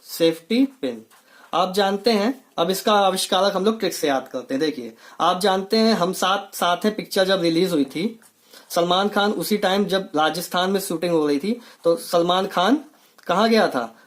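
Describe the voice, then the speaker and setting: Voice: medium pitch, moderate pace. Teacher talking thru a lesson, keeps asking "what is it?" then answering, says stuff twice. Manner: asks rhetorical questions and answers them, repeating key words; plain, patient explaining in simple steps. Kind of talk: online coaching lesson.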